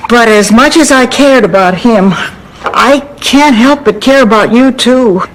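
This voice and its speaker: A woman's voice: on the high side, unhurried, lightly acted. A woman playing an earnest, dry middle-aged sitcom character. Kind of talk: sitcom acting. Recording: noisy TV soundtrack with studio crowd.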